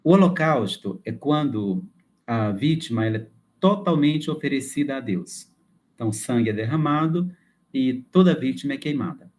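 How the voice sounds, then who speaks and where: A man lecturing to a class, explaining things step by step. He thinks aloud, backs up and restarts phrases, and checks in with his listeners as he goes. His voice sits at an ordinary middle pitch for a man. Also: darkish tone.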